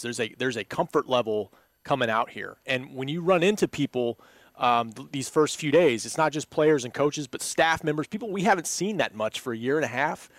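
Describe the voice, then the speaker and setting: A man's voice: mid-range voice, a bit bright, no echo. Reflective man on a sports podcast. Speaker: podcast co-host. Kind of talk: casual sports podcast chat.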